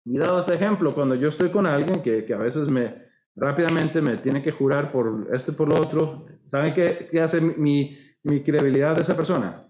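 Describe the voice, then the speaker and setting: A man's voice: on the high side, normal speed, darkish tone, roomy sound, rough recording. A man preaching a sermon with a Costa Rican accent, conversational and acting out the voices he quotes. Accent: Costa Rican Spanish. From Costa Rica. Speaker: pastor.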